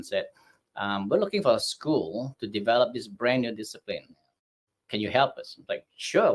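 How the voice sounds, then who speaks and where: A middle-aged man from Malaysia, a hospitality school dean, telling his career story in a chatty, self-deprecating way. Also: fairly low pitch. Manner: chatty, self-deprecating, acts out quoted voices. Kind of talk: storytelling interview answer.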